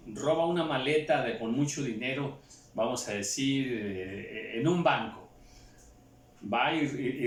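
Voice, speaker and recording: A man preaching a Bible teaching, asking and answering his own questions, halting with fillers. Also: medium pitch. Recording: roomy echo, far from mic, faint ambience.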